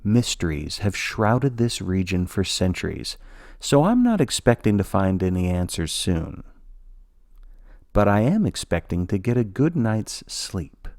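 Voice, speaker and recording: A man narrating a scripted spooky podcast story in a measured, wry manner. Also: lowish voice, very animated, a little mellow, dry recording, studio quality.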